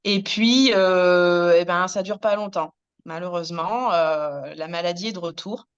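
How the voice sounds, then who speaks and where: A woman in her thirties, a hairdresser, recounting her career in a hesitant interview, with many pauses and restarts. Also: fairly low pitch, clean tone, highs cut off. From France. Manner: many fillers and restarts, soft laughs. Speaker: hairdresser and business founder, interviewee. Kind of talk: hesitant personal storytelling.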